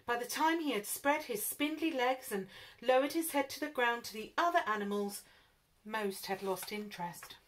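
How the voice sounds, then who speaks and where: A woman storyteller reading a children's picture book aloud in an expressive, lively way. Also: fairly high pitch.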